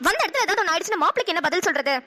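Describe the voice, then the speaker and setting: A woman voicing a fierce, protective middle-aged mother in a cartoon, scolding rapidly with a Kongu Tamil accent. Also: very high-pitched, animated, sharp tone, heavily acted. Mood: angry. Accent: Kongu Tamil (Namakkal). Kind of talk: cartoon voice acting.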